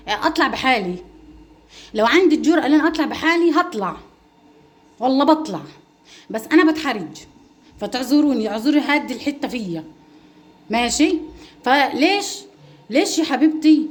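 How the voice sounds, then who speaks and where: A middle-aged woman speaking as a mother and home-cooking vlogger, pleading and emphatic as she repeats herself in a livestream reply to critics. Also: a little high.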